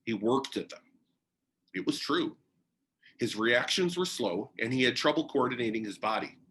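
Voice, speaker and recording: Reading a children's biography to listeners the way a teacher shares a picture book, the man speaks in deliberate short phrases with pauses. His mid-range voice is animated, bright and forceful, and there is slight background noise.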